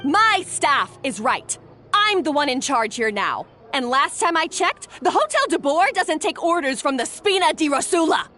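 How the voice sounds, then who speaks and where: A woman's voice: high-pitched, big pitch swings, normal speed, pushed and bright, faint music behind, heavily acted. A woman playing a haughty, domineering female head chef in a video game, snapping out commands. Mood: haughty, defiant. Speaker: game voice actor. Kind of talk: animated game voice acting.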